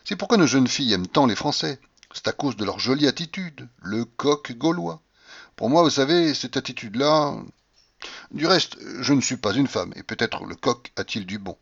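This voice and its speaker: A man's voice: medium pitch, expressive, normal speed, creaky, fairly bright tone, husky, no room sound, highs cut off. A man giving a dramatic, impassioned reading of a classic novel in the first person, with a feverish delivery. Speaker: audiobook reader.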